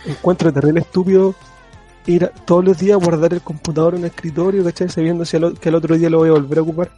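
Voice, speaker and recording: A man's voice: fairly high pitch, flat delivery, rapid-fire, mellow, soft background music. A young man with a Chilean accent telling a story in casual, slangy chat, often laughing as he talks.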